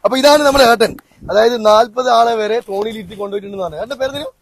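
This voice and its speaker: A male vlogger with a north Kerala Malayalam accent talks in a high register at a rapid clip. His delivery is colloquial and chatty, sprinkled with English slang, as he addresses viewers and puts questions to locals. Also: husky. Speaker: vlogger, host. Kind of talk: casual excited vlog chat with questions to locals. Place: outdoors by a river and in a boat.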